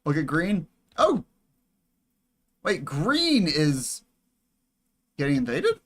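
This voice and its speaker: A young man giving casual, excitable commentary over a strategy game, swearing and chatting with viewers. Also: on the high side, very slow. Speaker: gaming YouTuber.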